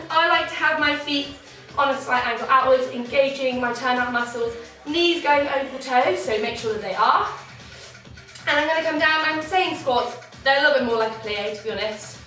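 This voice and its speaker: A woman's voice: high-pitched, pushed and bright. Breathless woman teaching a dance class. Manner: encouraging, counts beats aloud. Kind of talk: online dance warm-up class. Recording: echoey room, distant from mic, faint music.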